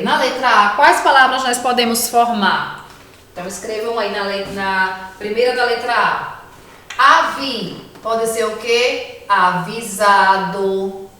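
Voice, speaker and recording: Slow, patient Brazilian woman teacher, echoey. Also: fairly high pitch, fairly bright tone, distant mic. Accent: Brazilian Portuguese. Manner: slow, patient, sounds out words. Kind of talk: remote class lesson for children. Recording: echoey room, voice from off mic.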